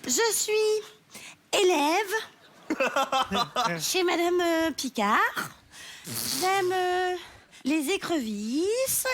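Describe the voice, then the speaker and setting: A woman's voice: very high-pitched, very animated, drawn-out words, pauses often, a bit bright, a little hiss or hum, heavily acted. A woman playing a hesitant little schoolgirl. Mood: childish. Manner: hesitant, childish.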